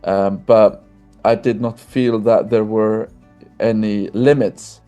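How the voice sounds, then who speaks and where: A man in his twenties from Iceland, a podcast guest talking openly and warmly over a video call, often restarting his sentences. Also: on the low side, fairly even intonation, slow, clear, resonant tone, soft background music. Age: 20s. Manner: friendly, open, with frequent restarts. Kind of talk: casual conversational interview.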